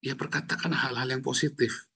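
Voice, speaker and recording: A male pastor from Indonesia preaching a lively, joking sermon that addresses his listeners directly. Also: mid-range voice, a little fast, creaky, breathy edge.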